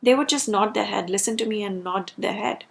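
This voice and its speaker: Woman, heavy vocal fry, mid-range pitch, emphatic personal rant, repeats words for stress. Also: a little fast. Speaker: video creator sharing personal experience.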